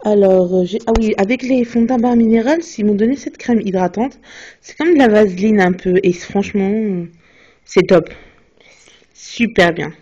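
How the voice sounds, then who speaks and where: A young woman's warm, medium-pitched voice at normal speed carries this casual beauty haul, where the vlogger discusses her recent purchases. She sounds hesitant, often restarting and leaning on fillers. The recording is a dull, lo-fi phone video.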